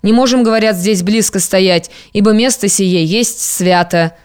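Reader doing a mocking nobleman prince, dry irony, unhurried, courteous menace, smooth clear tone, audiobook. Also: medium pitch, lightly acted. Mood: dry mockery. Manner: unhurried, drily ironic, polite with hidden menace. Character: cool, mocking Russian prince, a middle-aged nobleman landowner. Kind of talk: audiobook character reading.

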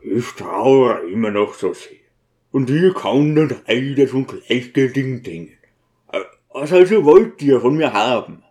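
A man's voice: mid-range voice, big pitch swings, a little slow, darkish tone. A man voicing a grieving, stubborn deacon who grumbles in a sulky, weary way. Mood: brooding.

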